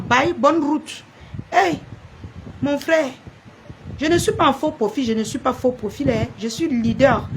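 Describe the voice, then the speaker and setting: A woman blogger speaks on a live stream, scolding and confronting a rival in repeated, insistent phrases. Her voice sits slightly high. Clear noise hums behind her throughout. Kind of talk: live-stream rant to viewers. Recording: noisy background.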